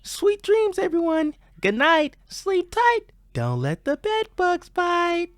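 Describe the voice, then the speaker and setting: A man voicing a gleeful, sinister male bear mascot who reads out school announcements in a singsong, exaggerated high voice. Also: huge pitch swings, takes it slowly, fairly bright tone, no room sound, studio quality, full character voice. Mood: mock-cheerful.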